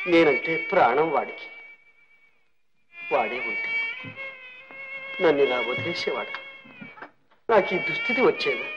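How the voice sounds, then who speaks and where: A man's voice: a little high, full character voice. An actor playing an old ruined rich man with leprosy, humble and grief-stricken, speaking tearfully and pleadingly in a film melodrama. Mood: sorrowful. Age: older. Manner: tearful, pleading, speaks with rising and falling emotion. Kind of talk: 1960s Telugu film melodrama. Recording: dull old film soundtrack with faint music.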